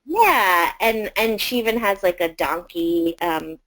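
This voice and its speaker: A woman's voice: medium pitch, expressive, a little slow, fairly bright tone, slight background noise, low-quality recording. A woman presenting a collection of arts education videos to teachers, in a conversational way with frequent fillers.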